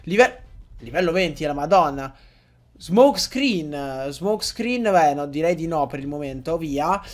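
A young man giving excitable, joking Let's Play commentary to his viewers, often swearing. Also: fairly high pitch, moderate pace. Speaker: gaming YouTuber.

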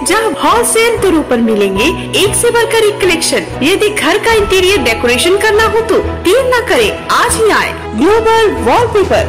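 A woman with a very high voice reads ad copy as a sing-song sales pitch. Her pitch rises and falls a lot. Loud music plays behind her. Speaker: advertisement voice-over. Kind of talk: scripted ad voice-over.

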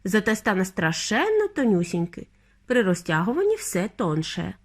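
A woman's voice: medium pitch, huge pitch swings, normal speed. A woman voicing an eccentric, cheerful male chocolate maker with a breezy, theatrical manner.

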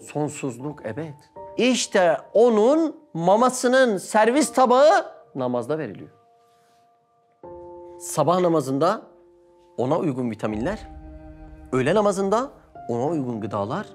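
A man giving an animated religious sermon talk, full of rhetorical questions and exclamations. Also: on the high side.

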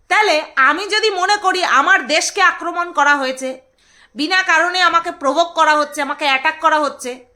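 High, bright-voiced woman ranting scornfully. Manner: scornful, mocking, with rhetorical jabs. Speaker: vlogger. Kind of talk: ranting commentary to camera.

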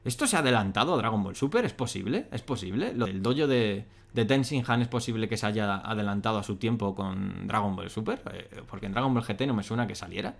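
A man reading a fan manga aloud and commenting in a chatty, excitable way, thinking aloud as he goes. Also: fairly low pitch, quick pace, creaky, hardly any pauses. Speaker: channel host.

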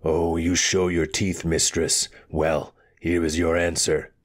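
A wounded, sharp-minded lord speaks in a measured, faintly mocking manner, read by a male storyteller. His voice is deep and unhurried, close to the reader's own tone. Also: flat delivery. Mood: wry calm. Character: wounded, cruel-mouthed lord, a sharp and wry strategist.

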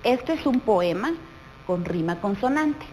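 Woman teacher with a Guatemalan accent, slow patient delivery, animated pitch, for a TV school lesson. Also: slight background noise, rough recording. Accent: Guatemalan Spanish. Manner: slow, patient explaining with questions to pupils. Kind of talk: televised primary school lesson.

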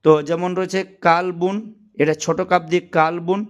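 A man teaching Quran pronunciation in a patient spoken lesson, spelling out letters one by one with some hesitant pauses. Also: high-pitched, flat delivery, clean tone, dull audio.

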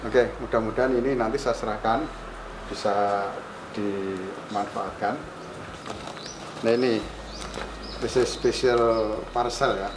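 A man's voice: on the low side, steady tone, slow, pauses often, background noise. Older Indonesian man hosting, echoey location sound. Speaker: university rector, host. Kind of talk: casual vlog presenting and interviewing. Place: campus lobby and outdoors.

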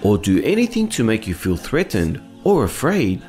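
A wise, friendly guide from a children's cartoon. His delivery is hugely animated in pitch, with an earnest, instructive and encouraging manner. Music plays behind him. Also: moderate pace. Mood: earnest teaching. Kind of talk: children's educational cartoon acting.

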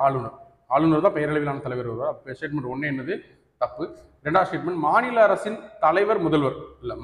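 A man with a Tamil accent teaching an exam coaching class, who keeps asking his students "right?" and mixes English terms into his speech. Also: on the high side. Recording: echoey hall recording.

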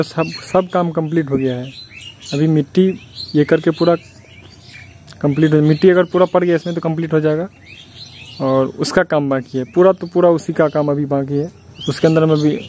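A young man from Bihar vlogs outdoors into a phone held at arm's length, chatty and a little complaining as he explains things step by step. His voice sits a bit high but sounds mellow and soft-edged. Faint outdoor noise sits under his talk. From Bihar, India. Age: young adult. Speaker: village vlogger. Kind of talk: casual vlog to camera. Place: outdoors at a building site and rice fields.

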